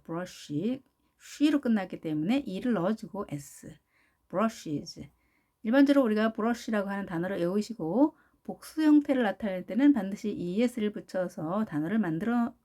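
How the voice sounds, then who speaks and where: A woman teaching an English phonics lesson, patiently repeating each model word slowly. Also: mid-range voice, lively intonation, mellow.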